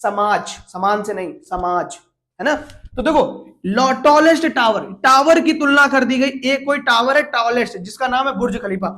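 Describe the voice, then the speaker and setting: A woman teaching English grammar in Hindi, explaining each step and asking questions that she answers herself, reading example sentences slowly word by word. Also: high-pitched, a bit bright. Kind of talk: Hindi-language grammar lesson.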